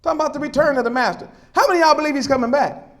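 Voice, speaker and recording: Male preacher with a very high voice. Emphatic sermon delivery, calls for talk-back. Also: racing, fairly bright tone.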